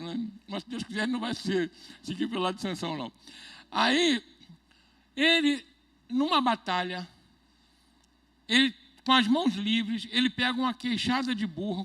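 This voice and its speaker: A man with a high, gravelly, sharp-toned voice preaches a midweek church sermon as pastor. He talks conversationally, cracking jokes and chuckling between points while constantly checking in with the congregation through questions.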